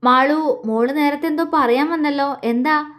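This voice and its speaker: A woman reading a story aloud, voicing a kindly middle-aged mother asking gentle questions. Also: high voice, fairly even intonation, a little slow. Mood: curious.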